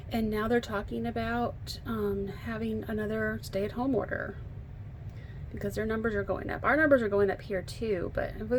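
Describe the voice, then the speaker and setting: The audio is poor with slight background noise as a woman with a somewhat high, slightly froggy voice, hoarse from allergies, demonstrates card making at her home craft table. Her talk is a casual tutorial chat, full of thinking aloud and self-deprecating humor.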